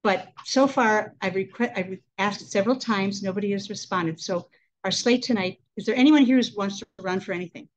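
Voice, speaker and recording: Picked up by a webcam from across an indoor meeting room, this sixty-something club president talks casually into a handheld mic, chatty and prone to laughing asides. Her pitch is medium and her delivery brisk. The sound is dull with a slight background noise.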